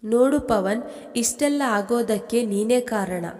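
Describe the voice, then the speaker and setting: Woman doing a grieving young wife, bitter and accusing, sobbing, slow, echoing reverb. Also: a little high, darkish tone, lightly acted. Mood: bitter grief.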